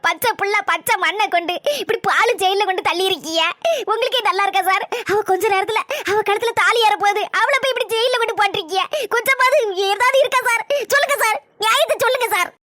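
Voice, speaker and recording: A performer voicing a loud, fretful older village mother-in-law in a cartoon, with a Kanyakumari Tamil accent and a pleading, melodramatic way of talking. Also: extremely high pitch, fast, dry recording, studio quality. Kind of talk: cartoon dialogue.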